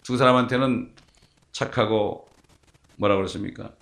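A male pastor preaches with a gravelly edge in his voice. He tells stories and keeps asking the congregation rhetorical questions as he goes. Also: on the low side, steady tone, normal speed, fairly bright tone. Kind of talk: sermon.

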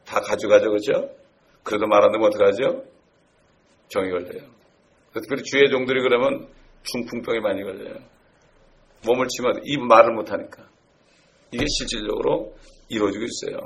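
A man's voice: on the low side, fairly quick, pauses often. A middle-aged man preaching a sermon earnestly and posing rhetorical questions to the congregation. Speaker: pastor.

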